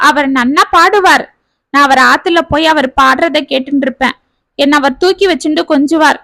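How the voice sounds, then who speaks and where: A woman voicing a gentle young woman who pleads and confesses in a spoken family story. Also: sits high, brisk, vocal fry, no echo, full character voice. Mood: pleading.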